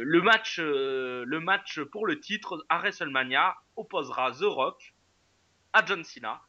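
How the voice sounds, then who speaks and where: Male co-host, casual podcast chat, hesitant and filler-heavy, bright and fairly high, dry lo-fi sound. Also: no echo. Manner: hesitant, many fillers and restarts. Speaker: wrestling show co-host.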